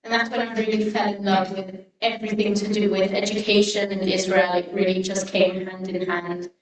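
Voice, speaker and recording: A woman in her twenties from the United Kingdom, speaking as a guest speaker to a congregation in a relaxed way with frequent "um" fillers. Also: mid-range voice, a little fast. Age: 20s. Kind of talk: personal talk to a congregation. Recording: echoey room, mic at a distance.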